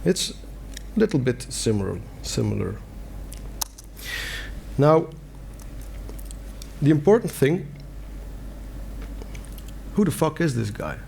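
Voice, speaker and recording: Speaking in a conference hall, this middle-aged Belgian with a Belgian Dutch accent delivers a sincere, plainly worded talk full of fillers and restarts. His mid-range voice is gravelly and a little mellow, swinging widely in pitch at a slow pace with long pauses; slight background noise is audible.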